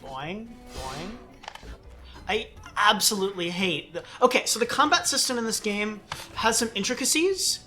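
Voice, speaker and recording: Casual female gamer host, bright tone, chatty explanations, light music behind. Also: mid-range voice, a little fast. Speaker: let's play host playing the game. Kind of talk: casual game commentary, explaining mechanics.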